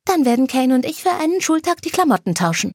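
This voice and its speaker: A high, gushing teenage schoolgirl from a storybook, put on by a woman narrator, bouncing and eager. The voice is soft and breathy, close and dry with no room around it. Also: sing-song, quick pace, no room sound, exaggerated voice. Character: bubbly fashion-loving teenage schoolgirl. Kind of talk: storybook read-aloud.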